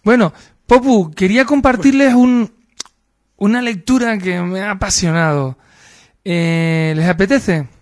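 A man's voice: high-pitched, measured pace. A man hosting a radio show, telling a story aloud in a thoughtful, hesitant way with fillers.

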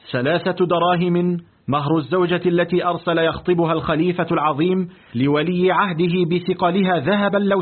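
A man narrating a literary audiobook in a deliberate, expressive reading. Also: fairly high pitch. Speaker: audiobook reader. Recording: tinny, lo-fi phone-like audio.

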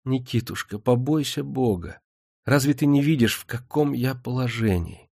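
A man plays a frightened young pregnant noblewoman, pleading in a soft, hushed voice. Her speech is quiet and drawn out, recorded dry and close. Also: medium pitch, normal speed, gravelly, dry recording.

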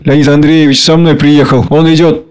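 A man's voice: fairly high pitch, flat delivery, normal speed, darkish tone, smooth, close to an everyday voice. A man reading aloud, voicing a newly rich merchant overwhelmed by his own triumph. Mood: dazed. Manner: bursting, dazed triumph.

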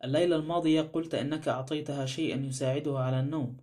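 A man's voice: on the high side, steady tone, racing, mellow, close to an everyday voice. A man voicing a blunt, suspicious male former detective in an audiobook drama, pressing others with pointed questions. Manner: blunt, probing.

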